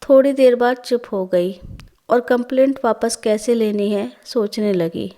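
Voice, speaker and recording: A woman storyteller giving scripted narration of a moral tale in an even, measured reading. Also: on the high side.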